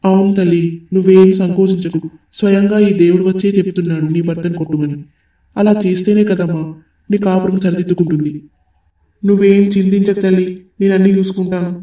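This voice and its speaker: A man voicing a benevolent cartoon god, who comforts a distressed devotee in a soothing, fatherly way. The voice is high, mellow and quick. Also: level tone, roomy sound, distant mic, close to an everyday voice.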